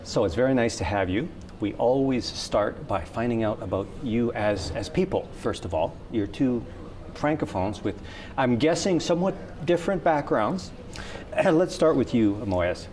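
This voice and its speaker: A man hosting a community TV talk show, asking relaxed, friendly questions in a studio interview. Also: medium pitch, normal speed, a little hiss or hum.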